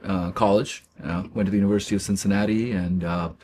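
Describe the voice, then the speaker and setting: Low-voiced man full of fillers. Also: fairly even intonation, dark tone, slight background noise. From Pakistan. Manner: halting, with many fillers and restarts. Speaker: guest. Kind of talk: casual interview.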